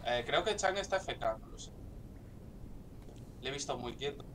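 A man's voice: mid-range voice, lively intonation, moderate pace. Insistent man, distant noisy voice chat. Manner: urgent, insistent. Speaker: fellow player. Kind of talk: in-game voice chat.

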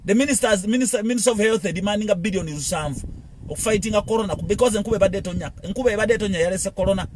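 Against a noisy background, a man with a high-pitched voice and a Ugandan accent delivers an impassioned political monologue. The commentator speaks rapidly, repeating phrases and firing off rhetorical questions.

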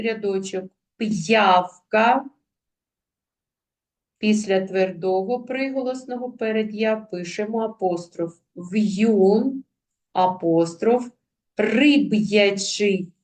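A primary school teacher gives a video lesson to young pupils in a medium-pitched, slightly dark voice. She speaks with care, breaking words apart syllable by syllable.

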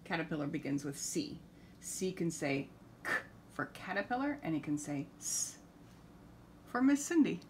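A woman's voice: sits low, big pitch swings, normal speed, pauses often. A middle-aged woman reading a picture book aloud as if to a toddler, sounding out letters and asking simple questions. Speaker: children's story reader and letter teacher. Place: living room, indoors. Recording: noticeable room background noise.

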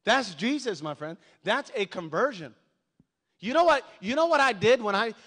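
A middle-aged man preaching a sermon as a pastor, telling his testimony with passion and rising to shouts. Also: high-pitched. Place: church sanctuary.

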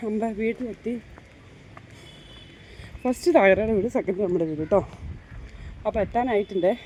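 A woman's voice: mid-range voice, moderate pace, warm tone, lo-fi sound, slight background noise. Woman, casual walking vlog, chatty tag-question delivery, phone mic outdoors, faint ambience. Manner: chatty, keeps addressing viewers with tag questions. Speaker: vlogger. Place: outdoors walking along roads, then at home.

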